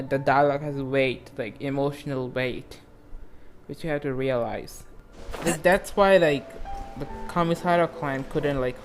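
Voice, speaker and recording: A man with a medium-pitched voice gives casual, rambling live reactions to a game, getting excited, swearing, and saying "like" a lot.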